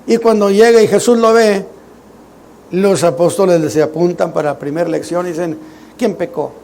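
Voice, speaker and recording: A man's voice: sits high, fairly even intonation, moderate pace, creaky, darkish tone, slight background noise. A middle-aged man, preaching a Sunday sermon in a conversational, joking way full of rhetorical questions. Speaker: pastor.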